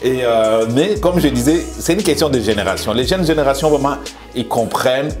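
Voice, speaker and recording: A man in his fifties, a museum director, speaking haltingly in a conversational interview. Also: mid-range voice, expressive, darkish tone, faint music behind. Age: 50s. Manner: hesitant, halting with many pauses and repeated words. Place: museum in Montreal.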